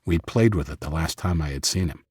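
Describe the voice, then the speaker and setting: A man with a very low, husky voice reads an audiobook in first person. His delivery is steady and measured, close to the mic in a dry space. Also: no echo. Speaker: audiobook narrator.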